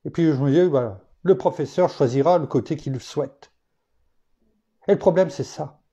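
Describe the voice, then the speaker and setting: A male preacher from France delivers a sermon in a warm, mellow voice. He teaches reflectively, weaving in personal anecdotes. He stresses key points by lifting his pitch emphatically. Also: moderate pace, slightly rough.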